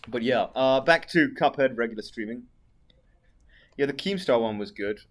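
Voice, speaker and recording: Casting: male streamer, posh British voice, mid pitch, dry and sweary, casually answering chat. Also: moderate pace. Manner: sweary, dry, tag questions. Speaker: live streamer. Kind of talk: casual livestream chat, reading out viewer messages.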